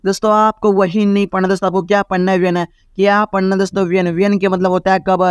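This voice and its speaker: High-voiced man drilling spelling. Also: level tone, fast, smooth, dry recording, clean studio sound. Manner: repetitive call-and-response questioning; spells words letter by letter. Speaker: English teacher. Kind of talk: classroom-style spelling lesson.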